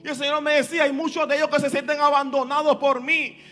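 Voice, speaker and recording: A man preaching a sermon as pastor, impassioned and often raising his voice to a shout. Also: very high voice, flat delivery, quick pace, soft background music.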